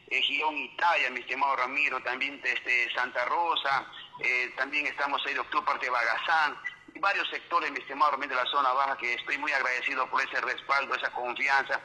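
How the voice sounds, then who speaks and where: Candidate on a bright radio line. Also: male voice, mid-range voice, rough recording. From Peru. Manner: repeats a stock address to the interviewer. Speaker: local election candidate. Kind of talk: radio interview.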